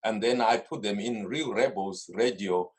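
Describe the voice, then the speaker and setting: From his home studio desk, a middle-aged Zimbabwean man, a carnival organiser, talks casually at length as a guest over a video call. His lowish, husky voice keeps a normal speed while he rambles through stories and restarts many times.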